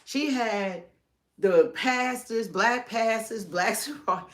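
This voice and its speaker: A woman's voice: on the high side, slow pace. A middle-aged woman with an American accent co-hosting a live stream, giving casual, emphatic political commentary and piling up points in lists.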